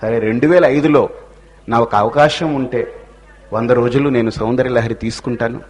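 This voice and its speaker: A man's voice: medium pitch, fairly even intonation, normal speed. A man giving a spiritual discourse, telling stories with rhetorical questions and rising emphasis. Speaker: religious speaker.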